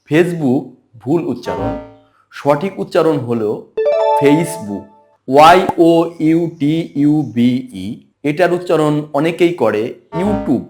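A man teaching English pronunciation in a recorded lesson, spelling each word letter by letter before saying it slowly and carefully. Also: a little high. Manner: spells words letter by letter, then says them slowly and deliberately.

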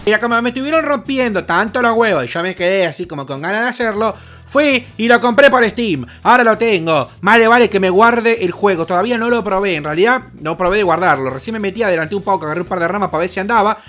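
Rioplatense guy yelling and cursing through a survival game, high voice, excitable. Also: fast. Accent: Rioplatense Spanish. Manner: crude, excitable, swearing a lot. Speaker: gaming host. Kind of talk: casual gameplay commentary.

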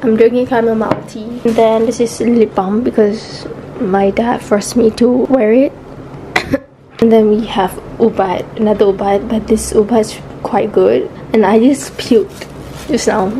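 Here a young adult woman, unwell and losing her voice, coughs through a casual vlog recorded in her bedroom at home, blending Malay words with Malaysian-accented English. Her pitch is a little high, her intonation fairly even and her pace a touch slow. Background noise comes through the camera mic, which is held close or tripod-mounted.

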